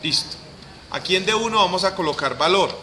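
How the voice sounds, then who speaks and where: Male instructor, slow and repetitive, with a light voice over a hissy recording. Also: sits high, animated. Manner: slow, repeats each step aloud. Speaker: teacher. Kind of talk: screen-recorded software lesson.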